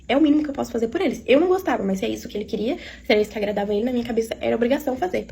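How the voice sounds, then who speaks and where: A woman's voice: fairly high pitch, animated, racing, creaky, mellow, husky. A woman with a Minas Gerais accent telling her own story to her audience in a casual, confiding way and often speaking to the listeners directly. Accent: Minas Gerais Portuguese.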